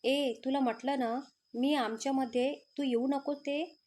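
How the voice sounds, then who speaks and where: A jealous young man with a short fuse snaps angry taunts at his rival, as a woman storyteller reads his lines. The voice sits high. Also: steady tone, measured pace, darkish tone.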